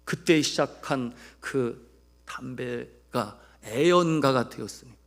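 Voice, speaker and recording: A male pastor preaching a sermon, telling a story to his congregation and shifting between loud, emphatic calls and hushed narration. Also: mid-range voice, takes it slowly. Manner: addresses the congregation often.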